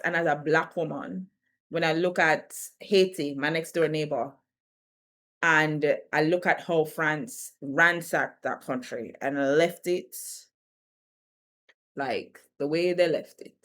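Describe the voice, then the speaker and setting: A woman from the Caribbean talking candidly to camera in a reflective vlog, animated and laughing between her thoughts. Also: low-pitched. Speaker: vlogger.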